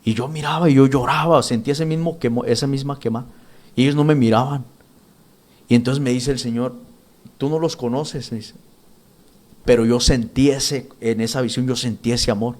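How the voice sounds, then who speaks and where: A man, a church minister, giving an earnest spoken testimony, halting often and repeating and restarting his words. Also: medium pitch, fairly even intonation, darkish tone.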